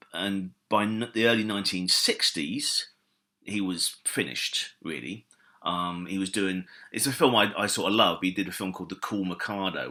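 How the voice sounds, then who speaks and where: A deep-voiced British man talks comedy history in a loose podcast chat. His tone is low but bright and forceful, and he rambles enthusiastically through fillers and restarts. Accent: British English. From Britain. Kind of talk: casual podcast interview.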